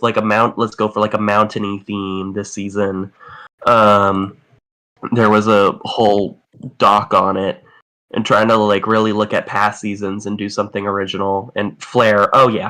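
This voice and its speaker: A man co-hosting a casual podcast, sick with covid and a little raspy, talking in a rambling way full of fillers. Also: on the low side, fairly bright tone, rough recording. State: sick with covid, slight rasp. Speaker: podcast co-host.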